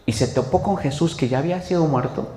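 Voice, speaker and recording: A man preaching a sermon as pastor, telling the story with lively acted-out voices. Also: a little high, fast talker. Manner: animated storytelling, acts out quoted speech. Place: church hall. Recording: echoey church hall.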